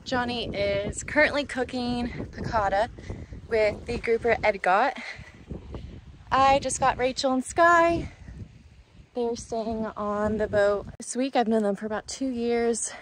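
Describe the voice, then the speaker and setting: A woman's voice: on the high side, measured pace, rough recording. Chatty young woman vlogging on a sailboat. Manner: upbeat and chatty, with filler ums. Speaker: sailing vlogger. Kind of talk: casual vlog chat. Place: on and around a sailboat. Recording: clear background noise.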